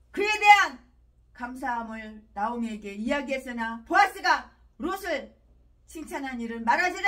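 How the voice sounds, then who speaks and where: A woman pastor delivers an expository sermon, speaking emphatically and repeating herself, sometimes erupting into angry, shouted tirades. Her slightly high voice sounds distant from the microphone.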